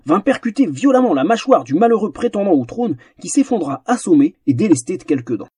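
Animated, husky male storyteller. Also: a little high, no room sound. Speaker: narrator. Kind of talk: expressive audiobook narration.

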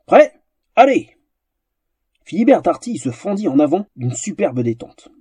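A man reads a fantasy tale aloud with theatrical flair. His voice is husky and mellow, and his pitch rides high and moves a lot. The recording is close and dry. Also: moderate pace, no room sound. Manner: theatrical, animated storytelling. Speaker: narrator. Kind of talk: expressive audiobook narration.

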